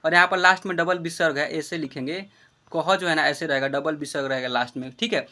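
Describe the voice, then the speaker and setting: A man teaching Hindi script in a classroom lesson, drawing out syllables in a slow chant and checking that the children follow. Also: on the high side, pushed and bright. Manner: instructive, checks understanding with the class.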